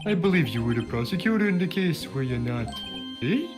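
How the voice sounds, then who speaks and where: A man's voice: on the high side, big pitch swings. A man voicing a smug, accusing police chief from a video game, with taunting, lecturing delivery. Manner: taunting, drawn-out lecturing with "eh?" tags. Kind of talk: amateur voice-over of a video game. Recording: music over the voice.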